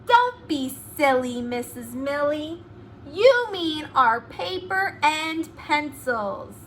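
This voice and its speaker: High-pitched, exclaiming schoolchild voiced by a woman. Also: sing-song, slow pace, a little hiss or hum, heavily acted. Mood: playful correcting. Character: chorus of young pupils correcting their silly teacher.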